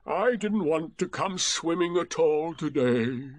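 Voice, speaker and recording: A man voicing a gloomy, sarcastic old male donkey who speaks in dry, drawn-out remarks. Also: on the high side, lively intonation, dry recording. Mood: sardonic.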